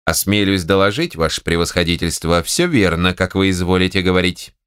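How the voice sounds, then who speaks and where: A man's voice: low voice, brisk, fairly bright tone, clean tone, dry recording, studio quality. A man reading a story, voicing an old servant who speaks to his masters in a respectful, formal way. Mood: deferential.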